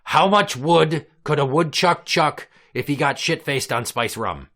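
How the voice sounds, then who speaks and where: A man playing a gruff, foul-mouthed old salty pirate captain who hosts a comedy show and teases his guest in a crude, bossy way. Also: a little high, expressive, a little slow, sharp tone, heavily acted. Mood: mocking. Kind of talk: mock interview with a child guest.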